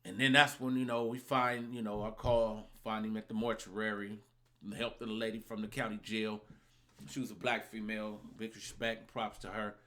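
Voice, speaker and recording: A man telling a personal story in a casual, profane and animated way, acting out other people's lines. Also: fairly low pitch, normal speed. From Los Angeles.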